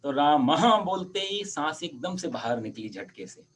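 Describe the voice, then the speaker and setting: A man's voice: on the high side, expressive, a little hiss or hum. A man teaching Sanskrit pronunciation on a video call, patiently drawing out each sound. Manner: patient, explains sounds by drawing them out slowly. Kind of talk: online Sanskrit pronunciation lesson.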